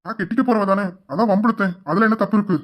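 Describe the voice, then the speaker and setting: A woman's voice: medium pitch, steady tone, racing, lightly acted. A woman voicing a cocky young man who brushes off his mother's advice in an amateur audio drama. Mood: offhand.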